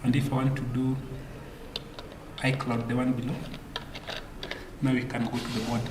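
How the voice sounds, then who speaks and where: A man's voice: mid-range voice, completely flat delivery, moderate pace. A man hosting a chess tournament broadcast, chatting casually with many fillers and restarts as he interviews players. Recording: echoey hall, distant mic, background noise.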